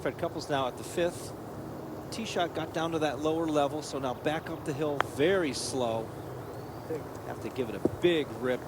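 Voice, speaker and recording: Higher-pitched male golf commentator, outdoor noise. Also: moderate pace. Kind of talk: live on-course golf commentary. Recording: clear outdoor ambient noise.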